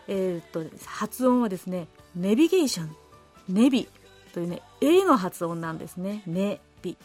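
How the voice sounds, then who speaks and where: A woman hosting a radio show, reading listener letters aloud and chatting about them in a friendly, gentle way with soft laughs. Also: sits high. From Korea. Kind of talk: casual radio talk. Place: radio studio.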